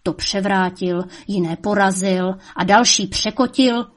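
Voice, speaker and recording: A woman narrating a fairy tale in a lively, expressive storytelling manner. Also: medium pitch.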